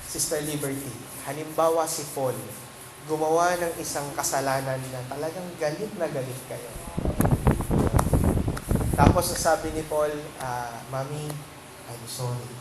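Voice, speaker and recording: A man's voice: on the high side, measured pace. A Filipino man preaching as a pastor, often asking the congregation questions and mixing English phrases into his talk. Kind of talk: sermon. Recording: echoey room with background noise.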